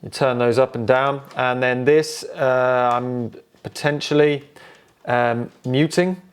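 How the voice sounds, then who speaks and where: A man with a medium-pitched, clean-toned voice speaks slowly as he presents and restores old technology. His walkthrough of the vintage equipment is casual and unscripted, and he thinks aloud hesitantly with playful, informal slang.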